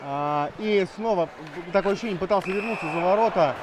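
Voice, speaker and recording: A man's voice: high-pitched, fairly quick. A man co-commentating a live esports hockey match in a chatty back-and-forth style. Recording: noisy venue with crowd behind the voice. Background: crowd and venue noise.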